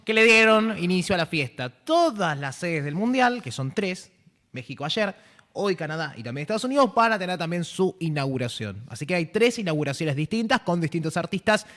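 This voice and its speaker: A man in casual radio chat, running through match details briskly as the sports commentator. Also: high-pitched, sing-song, fairly bright tone. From Argentina.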